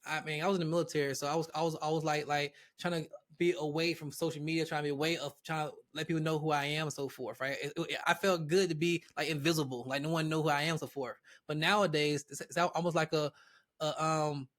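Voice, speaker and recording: Here the real estate platform founder, a guest on an interview show, sounds a little high and a bit bright, talking fast with flat delivery. His casual talk about the platform is full of restarts and repeated words.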